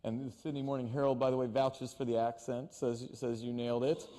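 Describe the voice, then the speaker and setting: A man's voice: mid-range voice, level tone, fairly quick, dark tone. A man interviewing actors on stage, asking questions with stammers and restarts. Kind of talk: onstage interview. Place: stage before an audience. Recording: reverberant hall.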